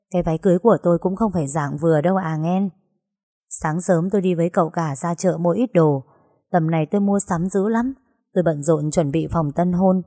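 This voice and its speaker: A woman narrating a story in an even storytelling manner. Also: on the low side.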